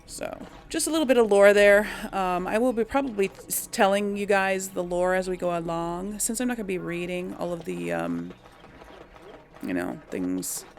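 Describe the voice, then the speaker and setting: This woman hosts a game playthrough series, her medium-pitched, expressive voice moving at a moderate pace. She chats informally with her audience and thinks aloud in casual let's play commentary.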